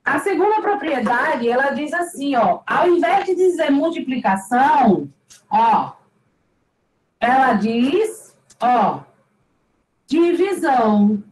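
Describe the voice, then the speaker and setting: A woman with a high voice explains a math lesson at an unhurried pace. She goes over each step patiently and repeats the main points with emphasis. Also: very animated, darkish tone, echoey room, low-quality recording. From Brazil. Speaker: math teacher.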